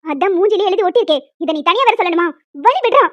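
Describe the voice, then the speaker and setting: A woman's voice: very high-pitched, very fast. A woman voicing a frightened but defiant young woman in a cartoon, scolding and pleading. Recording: dull lo-fi with music behind.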